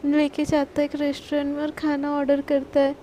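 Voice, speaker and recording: A woman's voice: high-pitched, monotone, brisk, mellow, slight background noise. A woman retelling a love story in a casual, chatty run-on way, as the channel's storyteller.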